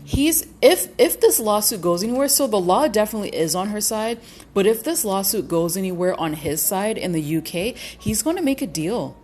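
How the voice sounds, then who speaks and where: A woman giving a casual tarot reading to her viewers, halting and cautious, with many fillers and restarts. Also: medium pitch, expressive, a little mellow, a little hiss or hum. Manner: cautious, hedging with repeated qualifiers. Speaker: tarot reader.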